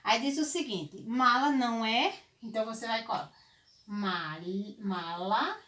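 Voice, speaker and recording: A woman teaching a remote lesson to young children in Brazilian Portuguese. She talks slowly and patiently, spells out syllables and keeps checking that the class follows. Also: on the high side, bright, forceful tone. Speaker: primary school teacher.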